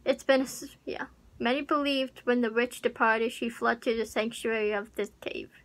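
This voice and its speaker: In a small pink bedroom with the AC humming, a young YouTuber vlogs casually on a close webcam, rambling and unsure and leaning on fillers. Her voice sits on the high side, a bit bright, with fairly even intonation at normal speed.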